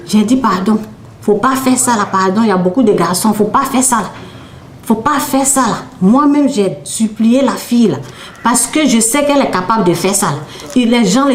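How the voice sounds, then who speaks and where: Woman preacher, fairly high voice, chatty storytelling testimony, echoey room. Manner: storytelling, repeats phrases, tags lines with "là" and "hein". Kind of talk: conversational sermon testimony.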